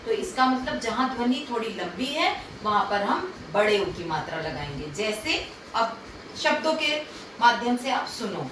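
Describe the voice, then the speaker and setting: A woman teaching a children's phonics lesson, stretching out each sound slowly and clearly. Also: a little high, very animated, background noise. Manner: slow, drawn-out enunciation of sounds. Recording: echoey room, distant from mic.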